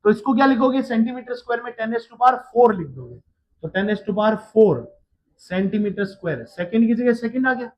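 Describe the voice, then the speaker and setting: A man teaching a physics lecture, working slowly through the steps and often checking that his students follow. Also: very high voice, expressive, highs cut off. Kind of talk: classroom lecture.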